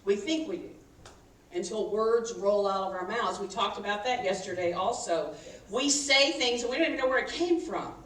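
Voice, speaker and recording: A woman in her fifties, a minister giving a sermon, animated and calling for responses from the congregation. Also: mid-range voice, normal speed. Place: church sanctuary. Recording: echoey hall, mic from far off, faint noise.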